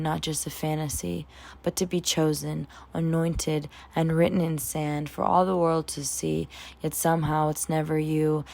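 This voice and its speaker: Reading her own spoken word poetry, a woman in her twenties speaks low, with a creaky vocal fry running through her voice. Her pacing is deliberate and dramatic, yet the pitch barely moves across phrases.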